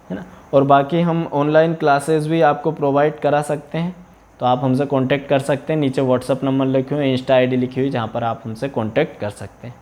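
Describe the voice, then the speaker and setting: An Indian man teaches maths in a video lesson, patiently working through problems step by step. His voice is fairly high with a darkish tone, and he keeps saying "है ना" to make sure students are following.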